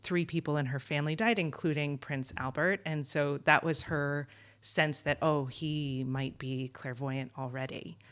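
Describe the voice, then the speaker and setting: A woman hosting a podcast, telling stories in casual chat and quick to laugh. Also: sits low, steady tone, a bit bright. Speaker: podcast host.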